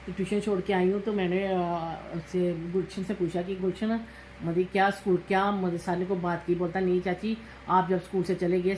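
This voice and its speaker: A woman in her thirties, a mother, telling a story in a casual vlog while cooking at home, animated and repeating her own words with emphasis. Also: lowish voice, roomy sound, slight background noise, rough recording. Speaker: vlogger, mother.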